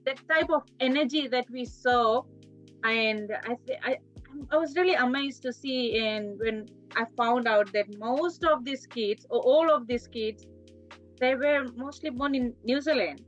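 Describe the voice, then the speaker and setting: A woman's voice: fairly high pitch, unhurried, lo-fi sound, faint music behind. A woman chatting casually as a panellist in an online discussion. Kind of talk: casual chat.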